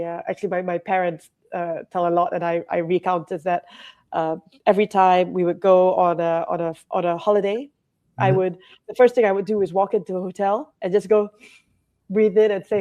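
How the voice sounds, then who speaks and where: A Malaysian woman in her forties, CEO of a hotel company, chats as a podcast guest in a casual interview. Her voice is fairly low and dark, a little nasal from hay fever. She's chatty and laughs often, with plenty of fillers and restarts.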